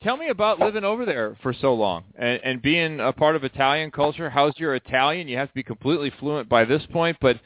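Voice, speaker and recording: A man's voice: fairly high pitch, animated, brisk, hardly any pauses, dry recording, phone-quality sound. Joking male sports radio host. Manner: joking, asks leading questions. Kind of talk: casual sports talk.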